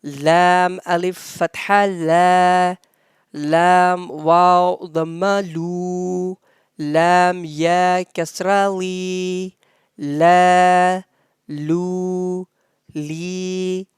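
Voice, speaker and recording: A Quran teacher leading a slow recitation lesson, spelling letters and drawing out each long vowel in careful drills. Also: medium pitch, level tone, clean tone, dry recording, clean studio sound. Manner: drawn-out, careful drilling of syllables.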